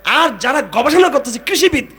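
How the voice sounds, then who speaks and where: A man preaching a fiery sermon, scolding his listeners with shouted rhetorical questions. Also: very high voice, animated, brisk. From Bangladesh. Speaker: Islamic preacher.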